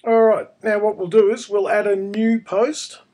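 Aussie guy doing a chill screen tutorial, high voice, croaky and husky from a cold. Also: level tone, moderate pace, darkish tone. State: hoarse from a cold. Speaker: tutorial presenter. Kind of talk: casual screencast tutorial narration.

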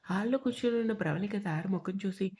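Mellow-voiced woman telling a story. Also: medium pitch, quick pace. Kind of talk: scripted story narration.

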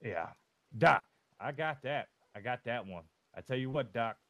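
A man's voice: medium pitch, expressive, normal speed, dry recording, lo-fi sound. A man playing a rambling, folksy, boastful undertaker in a western role-play over voice chat. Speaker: roleplayer as undertaker.

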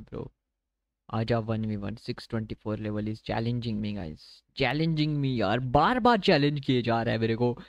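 Male gaming streamer, mid-pitched, chatty running commentary to viewers, dry close recording. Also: dry recording. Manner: chatty, keeps talking to viewers, mixes in English phrases. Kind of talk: live gameplay commentary.

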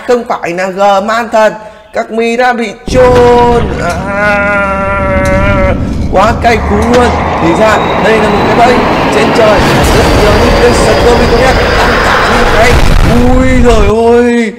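Excitable, high-voiced male video commentator. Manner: excitable, exclamatory, addresses viewers constantly. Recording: long reverb with loud background noise.

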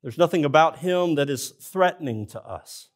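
A man's voice: fairly high pitch, animated, moderate pace. A man preaching a sermon in a church, speaking earnestly and addressing the congregation directly. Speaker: pastor. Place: church sanctuary.

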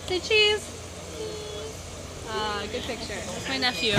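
A woman about to go skydiving, joking excitedly that she is a lunatic, heard through old, noisy camcorder audio outdoors at an airfield. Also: fairly high pitch, slow. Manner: excited, jokey, calls herself a lunatic. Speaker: first-time skydiver being interviewed.

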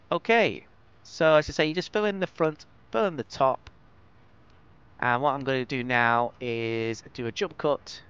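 A man with a Lancashire accent talks through a video game tutorial in a casual, unscripted way. His pitch sits in an ordinary male middle range. The recording is lo-fi and dulled, with clear noise behind him. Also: fairly bright tone. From northwest England. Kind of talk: casual Minecraft tutorial commentary. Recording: dull lo-fi mic, clear background noise.

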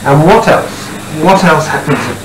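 A man's voice: on the high side, expressive, normal speed. A man on an old VHS home video, patiently coaxing a young child with simple questions at home. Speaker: parent filming a home video. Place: family home indoors. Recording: noisy, echoey home video tape.

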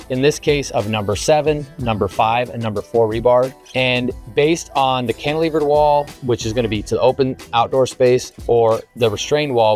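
A man's voice: medium pitch, a little mellow. A man in his thirties, a home builder, explaining basement construction step by step in an earnest, methodical way, recorded outdoors on a lapel mic. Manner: earnest, methodical, with filler words. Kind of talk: explanatory on-site walkthrough.

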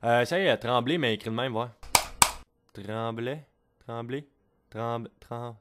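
Homme québécois qui marmonne, hésitant. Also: male voice, medium pitch, measured pace, heavy background noise. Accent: Quebec French. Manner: hesitant, muttering to himself. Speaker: sketch comedian. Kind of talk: comedy sketch.

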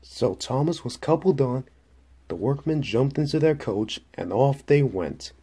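A man reads a children's railway story aloud in a measured, steady way. His voice sits at an ordinary mid pitch. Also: slightly rough. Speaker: narrator. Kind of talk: storybook narration.

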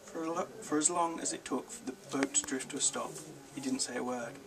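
A man, the author, reading his children's book aloud in a measured, gentle storytelling manner. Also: medium pitch, vocal fry, recorded from a distance, poor audio. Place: live reading event.

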